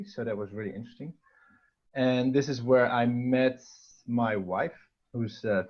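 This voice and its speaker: A man's voice: medium pitch, highs cut off. A man from the Netherlands whose first language is Dutch, talking casually as an interview guest with many fillers and restarts.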